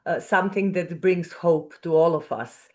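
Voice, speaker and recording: A woman's voice: fairly low pitch, moderate pace. A woman moderating an online webinar, thanking speakers and passing the floor with some fillers.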